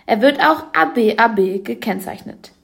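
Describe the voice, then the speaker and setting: A woman's voice: fairly high pitch, expressive, moderate pace, creaky. A woman reading a scripted school lesson and quoting verses with emphasis. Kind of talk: scripted educational narration.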